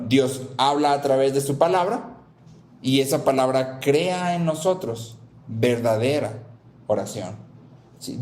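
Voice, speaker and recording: A man's voice: mid-range voice, a little mellow, echoey room. A man preaching a sermon who repeats his key phrases and keeps asking the listeners "¿sí?" to check they follow.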